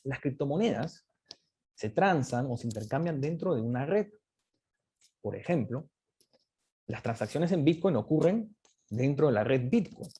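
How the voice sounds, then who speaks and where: A man's voice: mid-range voice, expressive, a little slow, long pauses, mellow, slightly rough. A man giving a lecture with slides, explaining step by step and often ending points with a tag question. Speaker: guest speaker on crypto economics.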